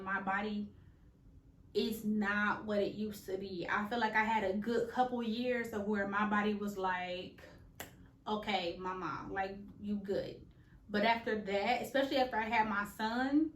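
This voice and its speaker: A woman's voice: mid-range voice, a bit bright. A woman, chatting candidly and playfully in a casual vlog with slangy asides. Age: late 20s. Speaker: vlogger. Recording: echoey room.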